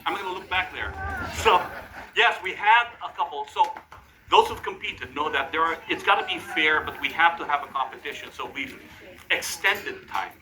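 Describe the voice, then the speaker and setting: A man's voice: on the high side, animated, moderate pace, noisy background. A man answering fan questions at a live convention Q&A, teasing his co-host in a playful, joking way. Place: convention hall with crowd.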